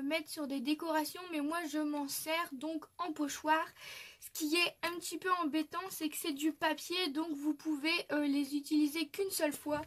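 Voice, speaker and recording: A young woman from France chatting through a craft tutorial, full of fillers and little restarts. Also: high-pitched. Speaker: craft youtuber.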